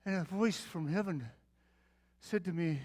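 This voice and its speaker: A man's voice: high-pitched, a little slow, a little mellow. A man acting as the aging patriarch Abraham, speaking in a theatrical monologue to his young son. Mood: earnest storytelling. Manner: theatrical monologue, calling out, then tender and confiding. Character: aging male patriarch Abraham, weary and devoted father. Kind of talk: dramatic Bible-character monologue.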